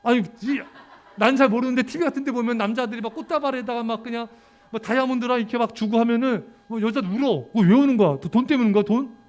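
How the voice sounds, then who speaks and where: A male pastor preaching an afternoon sermon, joking with and teasing the children in the pews and sometimes shouting at them to be quiet. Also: extremely high pitch, quick pace. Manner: breaks into sudden shouts for quiet.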